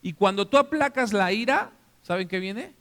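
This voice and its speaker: A Mexican-accented male pastor with a notably high voice, preaching in a lively, hands-on way and often asking the congregation if they're with him. His voice rings out through a church hall with long, lingering reverb. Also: normal speed. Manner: interactive, keeps checking the congregation is following; animated, acts out scenes for the listeners. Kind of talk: sermon.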